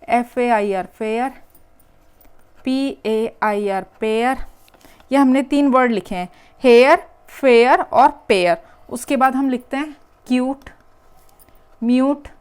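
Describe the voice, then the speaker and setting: High-voiced woman teaching step by step. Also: fairly even intonation, slow, pauses often, darkish tone, clear, resonant tone. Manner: explains step by step, repeats key words. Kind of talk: exam paper walkthrough lesson.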